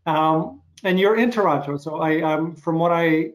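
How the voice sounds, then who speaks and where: A man interviewing a guest on a video call, rambling and self-deprecating, with frequent halting restarts. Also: a little high. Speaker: interviewer host. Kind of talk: casual interview chat.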